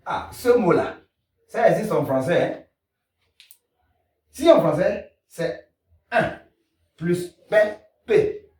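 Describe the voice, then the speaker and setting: Male language teacher, drills sounds very slowly, somewhat high voice; roomy, distant recording. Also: expressive, a little mellow. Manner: slow, repetitive drilling of sounds. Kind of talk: pronunciation lesson. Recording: echoey room, mic at a distance.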